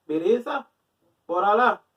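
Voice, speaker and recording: Slow-talking woman. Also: mid-range voice, expressive, husky, lo-fi sound. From Haiti. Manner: spells words letter by letter, checks in often with "ok?". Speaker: language teacher. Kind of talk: online language lesson.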